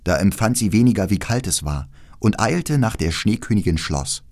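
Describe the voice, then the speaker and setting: A man narrates a fairy tale in a fairly low voice. His delivery is measured and expressive, and his pitch rises and falls widely. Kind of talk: audiobook fairy-tale reading.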